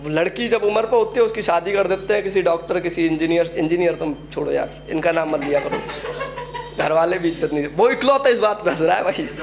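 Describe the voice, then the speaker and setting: Young guy from up north india doing standup at an open mic, pretty high voice, a bit of hiss in the back. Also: quick pace. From Uttar Pradesh, India. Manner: storytelling, acts out quoted characters. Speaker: stand-up comedian. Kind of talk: stand-up comedy set. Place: open mic event venue.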